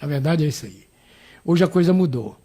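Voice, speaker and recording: A man's voice: a little high, expressive, brisk, mellow. A man hosting a live radio interview, chatting and chiming in with the guest. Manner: conversational, chiming in with agreement. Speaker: radio host.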